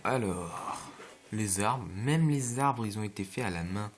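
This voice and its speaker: A man's voice: fairly low pitch, expressive, unhurried, slight background noise. A man giving casual, rambling gameplay commentary with hesitations and jokey asides, recorded on a home computer mic. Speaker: gameplay video maker.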